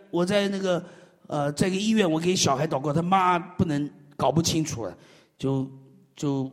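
A man preaching a sermon, swinging between loud exclamations and low murmured amens. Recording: echoey hall.

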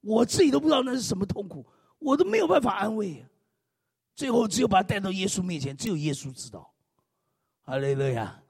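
Animated high-voiced male pastor preaching. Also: fairly quick, creaky, husky, big-room sound. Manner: animated, frequent hallelujah and amen refrains. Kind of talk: preaching sermon with humor.

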